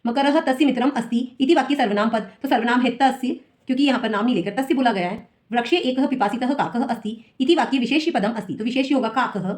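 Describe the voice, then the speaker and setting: A woman teacher solving an exam paper for students, reading each question and then explaining the answer patiently. Her voice sits a little high. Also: fast, darkish tone.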